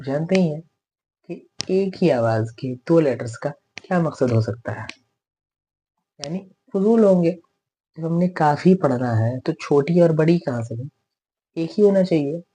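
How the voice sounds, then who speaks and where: Male teacher, husky voice, patient step-by-step pronunciation lesson with slow repeated drills. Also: a little high, dark tone. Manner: patient, repeats letter sounds slowly for students to copy. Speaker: Tajweed teacher.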